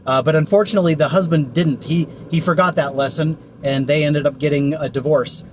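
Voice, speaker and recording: Male business owner, slightly raised pitch, rambling storyteller, halting delivery. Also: fairly even intonation, noisy background. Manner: hesitant, many fillers and restarts. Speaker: marketing company owner giving advice. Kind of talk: unscripted storytelling to camera.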